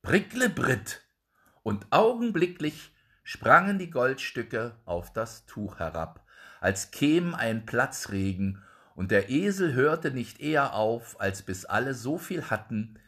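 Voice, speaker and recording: Guy reading a fairy tale out loud, slow and bouncy, really expressive. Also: mid-range voice, breathy edge. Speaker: storyteller.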